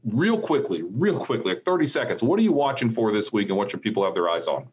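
Low-voiced American man hosting a casual podcast. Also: sing-song, fast talker, husky, dull audio. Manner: rambling, conversational asides. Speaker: podcast host. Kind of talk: casual market commentary chat.

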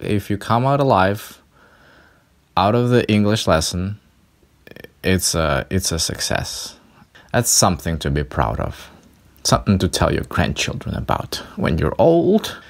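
A man's voice: deep voice, a little slow, gravelly, pauses often. A man, an English tutor, talking in a casual podcast monologue, ranting and swearing in exasperation.

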